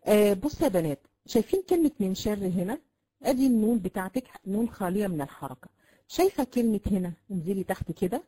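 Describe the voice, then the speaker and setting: A woman with an Egyptian Arabic accent teaches a Quran recitation class, explaining patiently, repeating sounds to demonstrate them and filling pauses with drawn-out sounds. Her medium-pitched voice is mellow, and the recording quality is low.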